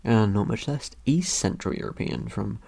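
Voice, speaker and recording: A man's voice: fairly low pitch, expressive, moderate pace, creaky, mellow, slightly rough. A young man chatting casually about his ancestry results, rambling and joking with lots of ums and uhs. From Britain. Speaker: vlogger. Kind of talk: casual commentary over results.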